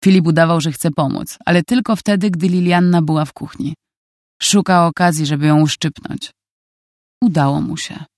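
Calm storyteller voice reading a novel, dry studio feel, nothing roomy. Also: mid-range voice, normal speed. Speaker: narrator. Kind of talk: scripted audiobook narration.

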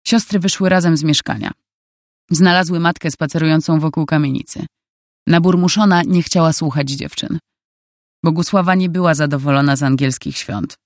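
A narrator reading a novel aloud in calm, even scripted narration. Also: medium pitch, moderate pace, no room sound, studio quality.

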